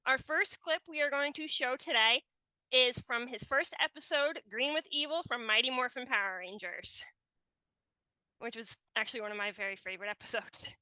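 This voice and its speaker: A woman's voice: high-pitched, moderate pace, bright, forceful tone, clean tone, no echo. A woman hosting a casual tribute podcast over a video call, friendly and organizing her guests. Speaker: podcast host.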